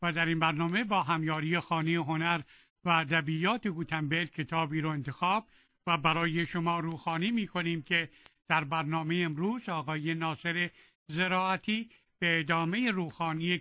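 A man's voice: on the high side, steady tone, pushed and bright, dry recording. A male radio host introducing a reading segment in a polite, formal announcing manner.

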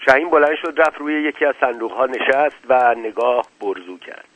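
Measured male storyteller, dull lo-fi sound. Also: medium pitch, animated, no room sound. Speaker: audiobook narrator. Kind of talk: scripted novel narration. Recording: dull lo-fi dry recording.

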